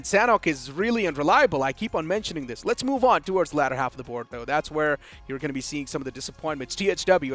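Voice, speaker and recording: An energetic Indian man breaking down standings on a mobile esports broadcast and speaking straight to the viewers. His voice runs a touch high. Faint music sits underneath. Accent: Indian English. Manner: energetic, addresses viewers directly. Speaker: esports caster. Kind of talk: esports analyst desk commentary.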